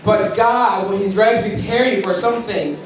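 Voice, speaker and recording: This keynote speaker, a Liberian woman in her forties, has a mid-range voice and talks fairly quickly, sharing an earnest personal story with quoted prayers and gentle laughter. There's a little hiss or hum, and her voice comes from far away in a very echoey hall.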